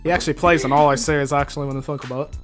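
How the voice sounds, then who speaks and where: A man's voice: fairly high pitch, steady tone, rapid-fire, over music. Laid-back male podcast host. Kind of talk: casual podcast chat.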